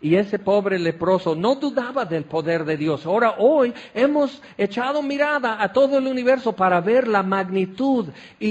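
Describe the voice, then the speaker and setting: A man's voice: sits high, highs cut off. A man preaching a sermon at a tent meeting. He tells the scenes dramatically, acting them out with exclamations.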